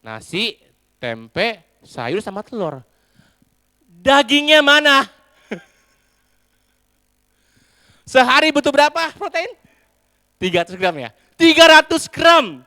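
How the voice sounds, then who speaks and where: A man voicing a demanding young husband, proud of his muscles, asking loud indignant questions. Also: a little high, sing-song, a little slow.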